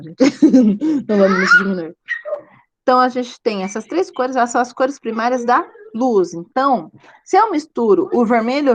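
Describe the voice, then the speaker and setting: A woman teaching a live online drawing class, chatty and playful, laughing at her own slips. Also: mid-range voice. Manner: chatty, laughing, self-deprecating asides.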